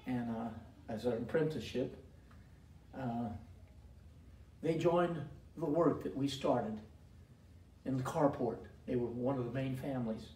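In a church sanctuary, an older pastor with a dark, mid-range voice delivers a forceful sermon, calling out to the congregation again and again. The mic is far away, so the sound is echoey and roomy.

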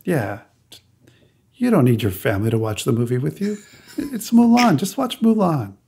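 A man's voice: a little high, big pitch swings, moderate pace, vocal fry, a little mellow, slightly rough. A man co-hosting a podcast, chatting casually with a hesitant, laughing manner. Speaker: podcast co-host. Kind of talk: casual chat.

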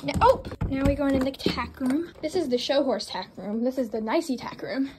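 A woman's voice: high-pitched, moderate pace, a little mellow, a little hiss or hum. A young woman recording a casual barn vlog on her phone, chatting to viewers and explaining each step of grooming and tacking up her horse. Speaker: vlogger. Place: indoor horse barn aisle and stalls. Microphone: phone camera, held or propped nearby.

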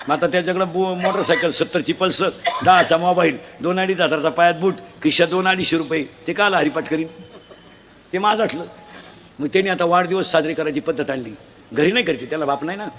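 High, bright-voiced joking preacher man. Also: fast, a little hiss or hum. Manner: loud, joking, quizzes the audience; blunt, earthy village humour. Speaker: kirtan preacher. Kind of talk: comic devotional sermon.

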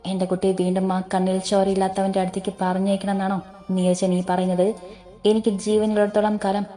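A woman's voice: mid-range voice, monotone, fast talker, dark tone, faint music behind, close to an everyday voice. A woman voicing a middle-aged mother who firmly protects her daughter. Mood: defiant. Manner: firm, protective.

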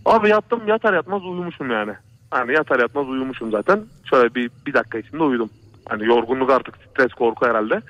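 A man's voice: mid-range voice, expressive, fast, fairly bright tone, no echo. A man calling in to a radio show, telling a true horror story in a rambling, repetitive way that keeps circling back to "he said" and "brother". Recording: dull lo-fi radio broadcast.

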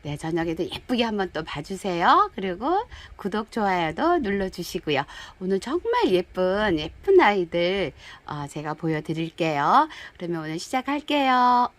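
A woman chatting warmly as she shows off handmade flowerpots, gushing over each one and reading out their sizes in a dim indoor room. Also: mid-range voice, big pitch swings, normal speed, few pauses. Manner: gushing, chatty, calls pots "kids". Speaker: pottery shop seller. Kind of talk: product showcase video.

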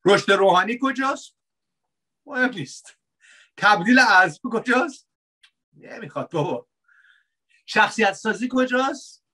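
A man preaching a conversational sermon, asking rhetorical questions and dropping into soft, wry asides. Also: high-pitched, lively intonation, long pauses, husky. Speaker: pastor.

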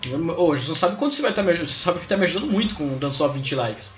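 A man's voice: on the high side, lively intonation, rapid-fire, a bit bright, lo-fi sound. A young Brazilian man doing casual, slangy live game commentary, rambling and swearing freely. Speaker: gaming live streamer. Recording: roomy home stream with game music. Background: faint game music.

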